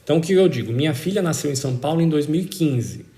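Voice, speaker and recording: In an echoing, roomy space, a Brazilian-accented man being interviewed as a citizenship expert talks quickly and expressively in a fairly high, dark-toned voice. He explains the law with emphatic, didactic repetition of his main points.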